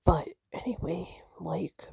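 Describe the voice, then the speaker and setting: A woman whispering a personal vlog, nervous and shaky, halting with many fillers and restarts. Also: fairly low pitch, creaky, warm tone, breathy edge, no room sound. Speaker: vlogger.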